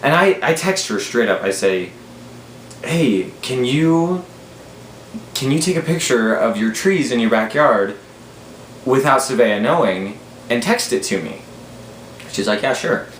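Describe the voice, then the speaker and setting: In a small room at home, a man in his twenties with an American accent tells a story casually and animatedly, quoting dialogue along the way. His mid-range voice moves at a measured pace with long pauses. The recording has a roomy echo and faint background noise.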